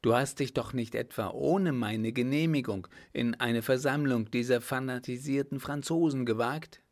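A man voicing a calm, watchful gentleman posing as a doctor. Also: mid-range voice, normal speed, natural voice.

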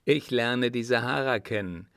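A man's voice: on the low side, unhurried, vocal fry, dry recording, studio quality. A man voicing a young officer with teasing, ironic humour in an audiobook. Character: young male officer, dryly joking adventurer. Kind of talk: audiobook dialogue reading.

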